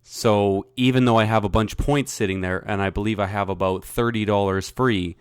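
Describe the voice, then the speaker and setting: A man's voice: lowish voice, steady tone, fairly quick, smooth, dry recording. A man co-hosting a podcast, chatting casually and joking, sitting close to the mic. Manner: joking, swears freely. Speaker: podcast co-host. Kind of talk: casual chat.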